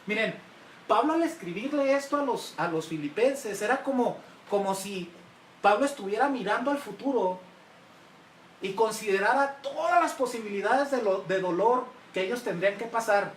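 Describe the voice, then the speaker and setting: A man's voice: sits high, expressive, normal speed. A male pastor giving a sermon who keeps turning to the congregation with questions. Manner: engaging, questions the congregation often. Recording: roomy, mic at a distance, faint hiss.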